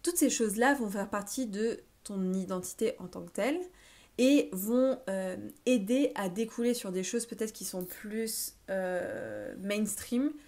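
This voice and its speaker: A woman life coach talks one-on-one to her viewer, speaking casually and informally. She lists her points step by step and often pauses on small fillers as she thinks aloud. Her voice sits at an ordinary middle pitch. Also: expressive, darkish tone. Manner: informal, addresses the listener as tu, many filler pauses. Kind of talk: self-help video talk to the viewer.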